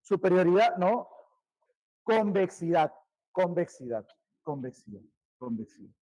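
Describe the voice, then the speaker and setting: High-voiced man teaching vocabulary. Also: very animated, a little slow, dry recording, rough recording. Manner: repeats words, trailing off quieter, asks questions. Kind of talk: vocabulary lesson to students.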